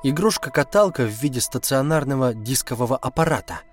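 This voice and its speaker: A man narrating a first-person story in an expressive, scripted reading, slowing down to linger on key words. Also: medium pitch, faint music behind. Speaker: audiobook narrator.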